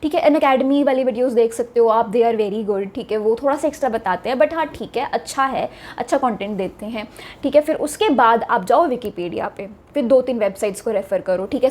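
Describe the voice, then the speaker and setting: A young woman with an Indian accent, acting as an exam prep tutor, gives casual study advice in a fairly high, slightly mellow voice at a moderate pace. She's chatty, mixes Hindi and English, and keeps saying "theek hai." There's slight background noise.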